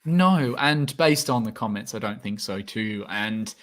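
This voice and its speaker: A man's voice: lowish voice, expressive, a little slow. A young Australian man in casual livestream chat as a guest physicist, talking in a rambling, hesitant way over a video call. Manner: rambling, hesitant, restarts often.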